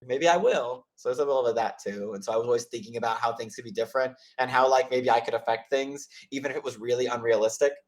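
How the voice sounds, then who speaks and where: A man of middle pitch hosts an informal chat and tells long stories. He rambles, restarts his sentences and leans on "like". When he quotes people he jumps up in pitch to act out their voices. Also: quick pace, hardly any pauses. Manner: rambling, heavy use of "like" and restarts. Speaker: host of office hours. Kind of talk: casual storytelling chat.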